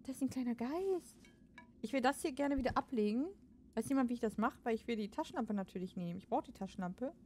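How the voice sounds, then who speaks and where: Lively, excitable woman streamer. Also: a little high, fast talker, slight background noise. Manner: excitable, laughs often, shouts game commands. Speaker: let's play streamer. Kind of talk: casual gameplay commentary.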